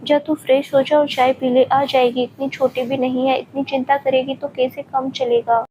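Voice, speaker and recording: A woman voicing a gentle, worried older grandmother who soothes and mildly scolds her daughter. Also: high-pitched, little pitch movement, normal speed, a little hiss or hum, lightly acted. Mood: soothing. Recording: dull lo-fi recording.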